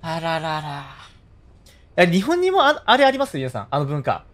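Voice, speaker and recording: A man, chatting playfully while he streams a game. His pitch sits a little high and swings widely as he jokes and reacts. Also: moderate pace. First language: Korean. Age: 30s. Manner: joking and animated, with loud yelps and laughs. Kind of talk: casual gaming stream chat.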